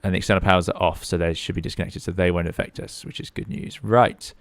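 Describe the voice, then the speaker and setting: Low-voiced man streaming, close and dry. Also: fairly even intonation, fast, dry recording. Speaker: flight sim streamer and airline pilot. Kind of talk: casual live commentary while playing.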